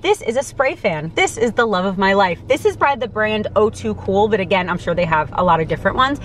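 A young woman from the States chatting to camera from inside a parked car, talking quickly and animatedly with lots of fillers. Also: medium pitch, expressive, slight background noise. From United States. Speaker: vlogger. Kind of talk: casual vlog talk to camera. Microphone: camera on dashboard.

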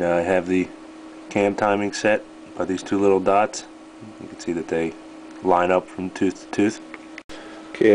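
A man's voice: on the low side, darkish tone, poor audio. A man giving an unscripted workshop tutorial on rebuilding an engine, explaining each step with many ums and uhs. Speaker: home mechanic demonstrating an engine rebuild. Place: home workshop, indoors.

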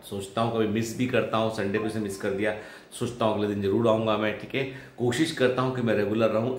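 Low-voiced man telling a story casually. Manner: conversational, with frequent "ठीक है" tags. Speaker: vlog host and storyteller. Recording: roomy echo, faint background noise.

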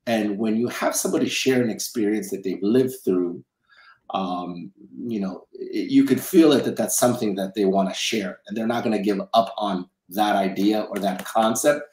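Low-voiced man on a roomy video call. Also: moderate pace, darkish tone. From Romania. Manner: rambling, repeats words while thinking. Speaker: guest, film financier. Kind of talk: casual interview. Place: home office with bookshelves. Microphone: video call webcam.

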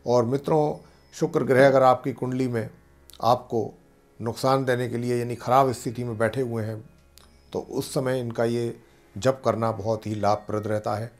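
A man, an astrologer and pandit, calmly explaining planetary mantras and slowly chanting them. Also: medium pitch. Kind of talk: devotional teaching talk.

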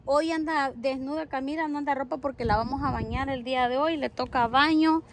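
A young woman chatting to her viewers about her home and garden in a warm, affectionate way, full of little diminutives. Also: sits high, fairly quick, a little hiss or hum. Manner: switches to doting tone talking to her child. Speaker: home decor vlogger. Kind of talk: casual vlog chat to viewers. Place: at home, yard and car outdoors.

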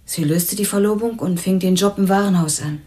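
In a crime radio drama, an actress voices a candid, unsentimental young former waitress who shared a flat with the murder victim. Her mid-range, dark-toned voice moves briskly with a light touch of acting, blunt, colloquial and matter-of-fact, in a reflective mood.

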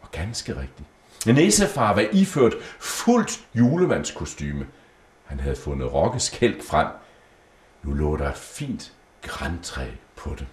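A man reading a children's Christmas story aloud in a gentle, storybook way. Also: deep voice, very animated. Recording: roomy echo.

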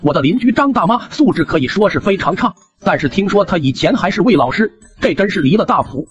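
A man's voice: sits high, expressive, fast, lo-fi sound. A young man narrating his own comic cartoon story in a chatty, wry way.

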